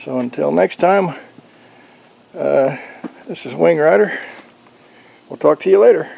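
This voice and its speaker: A man's voice: fairly high pitch, unhurried, creaky, a little mellow, highs cut off, a little hiss or hum. A man giving a casual, rambling video update on his motorcycle project, talking in a folksy, plain-spoken way outdoors. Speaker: motorcycle vlogger. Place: outdoors on a farm.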